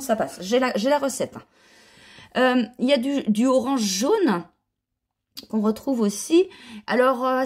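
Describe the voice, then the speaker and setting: A woman chatting casually in a home knitting vlog, rambling with restarts and hesitations as she shows her yarns. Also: high-pitched. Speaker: knitting vlogger and yarn dyer. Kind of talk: casual chat. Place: home living room, on the sofa.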